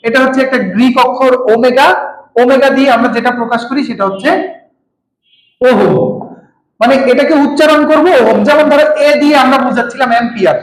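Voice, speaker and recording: A man's voice: very high voice, quick pace. A male physics teacher gives a classroom lecture. He repeats key terms and keeps asking his students whether they follow. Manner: patient, repeats key terms, asks checking questions. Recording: echoey room.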